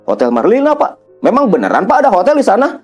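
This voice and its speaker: A man's voice: high voice, wildly swooping pitch, fast talker, soft background music, full character voice. A man doing an uneasy young traveler with a lilt. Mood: pleading.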